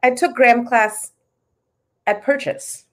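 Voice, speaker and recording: A middle-aged woman from Trinidad, a dance professor, telling her story in a casual interview with playful, animated energy. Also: a little high, slow.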